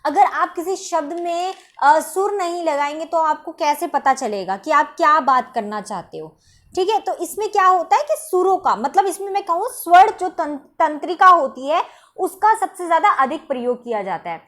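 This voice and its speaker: A woman's voice: extremely high pitch, animated, normal speed, a bit bright. A woman teaching an exam-prep lecture. She explains step by step, keeps asking "ठीक है?", and answers her own questions.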